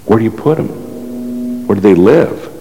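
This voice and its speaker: A man with a very low voice preaches a sermon, telling the story in a casual, conversational way. He keeps turning to the congregation with rhetorical questions. His voice rings out with a long hall reverb. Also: expressive, a little slow, gravelly, mellow, soft background music.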